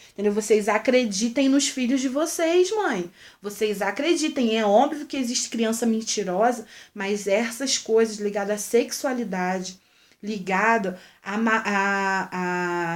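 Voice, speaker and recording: A young woman with a Brazilian accent talks straight to mothers, earnest and repetitive as she pleads with them. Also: medium pitch. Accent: Brazilian Portuguese. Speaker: vlogger. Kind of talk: heartfelt direct-to-camera talk.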